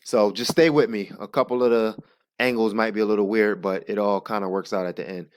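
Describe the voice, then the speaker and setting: A man narrating sparring footage in a casual, halting play-by-play, thinking aloud as he explains each move. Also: lowish voice, fairly even intonation, clear, resonant tone. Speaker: jiu-jitsu practitioner narrating own sparring footage.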